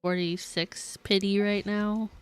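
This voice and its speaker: In a dry recording, a woman speaks slowly and flatly in a smooth, medium-pitched voice. She's live-streaming a game with game music playing, chatting to viewers in a rambling, giggly manner full of filler and repeated "like."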